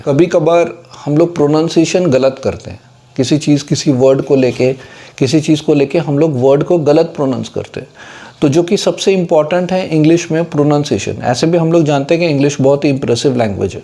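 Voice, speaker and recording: A man's voice: a little high, warm tone. A man giving a casual whiteboard lesson on English words, explaining steadily and mixing English terms into Hindi, with an Indian English accent. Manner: explanatory, mixes English into Hindi, asks for understanding. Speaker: English teacher.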